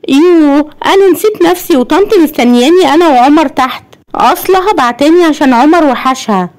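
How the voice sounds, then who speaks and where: A woman's voice: high voice, fast talker, darkish tone, voice pushed up, natural voice. A woman voicing a playful, cheerful young woman relative with an Egyptian accent, joking and bouncy. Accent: Egyptian Arabic.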